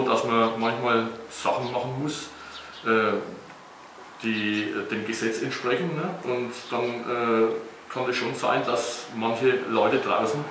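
A middle-aged man speaks as a mayor in a bright, forward voice, pausing often on filler sounds and checking in with tag questions. He is picked up from a distance in an echoey room, with faint noise underneath. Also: medium pitch. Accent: German. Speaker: mayor interviewed by schoolchildren. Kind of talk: casual interview answers.

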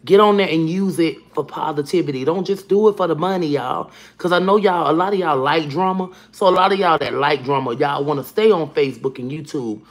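A woman with a deep voice for a woman livestreams from her home kitchen on a phone held at arm's length, reading comments and addressing viewers by name. Blunt, profane and animated, she talks a little fast with hardly any pauses.

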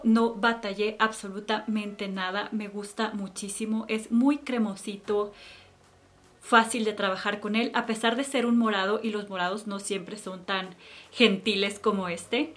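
A woman's voice: medium pitch, fairly bright tone. A woman giving a chatty makeup tutorial and product review, fond of cute diminutives. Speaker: beauty vlogger.

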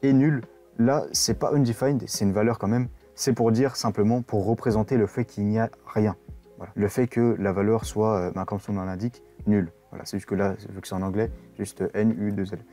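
A man giving a casual coding tutorial, chatty and relaxed, with many fillers and restarts. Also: lowish voice, fairly quick, soft background music. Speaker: programming teacher.

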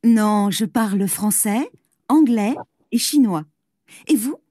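A woman playing a cheerful young speaker in a scripted language-course dialogue, clearly articulated. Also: medium pitch, no room sound, clean studio sound. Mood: friendly. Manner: slow, lively, clearly articulated.

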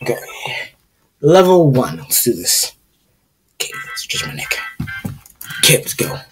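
A woman commentating on a video game, swinging from quiet mumbling to frustrated yelling. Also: very deep voice, very animated, measured pace, faint music behind. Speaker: gaming video host. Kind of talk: gaming commentary.

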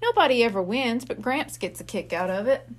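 A friendly older boy from a storybook, earnest and a little anxious, babysitting his siblings, voiced by a woman reading aloud. The voice sits high and light. He speaks slowly and sincerely. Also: expressive.

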